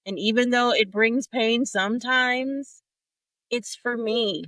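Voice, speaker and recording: A woman's voice: a little high, steady tone, slow, fairly bright tone, no echo, rough recording. A woman guest sharing personal grief in conversation, speaking in a tender, reflective way. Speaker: podcast guest.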